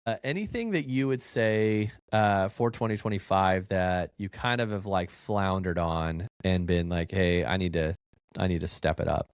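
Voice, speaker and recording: A man with a notably low voice hosting a relaxed podcast chat. His talk is loose and full of fillers, and the recording is dry and close with no room sound. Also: normal speed, smooth, no echo. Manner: loose, filler-heavy, laughs easily. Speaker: real estate agent, podcast host. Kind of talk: casual podcast conversation.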